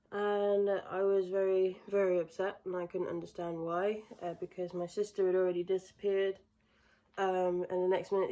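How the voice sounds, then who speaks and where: Soft-spoken northern English woman. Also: lowish voice. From northern England. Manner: candid and reflective, hesitant with many ums. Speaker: vlogger. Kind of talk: personal life story told to camera.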